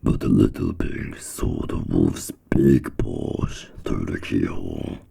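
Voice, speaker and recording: A man with a very deep, gravelly voice narrating a fairy tale slowly, in a firm, deliberate manner. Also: mellow. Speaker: storyteller.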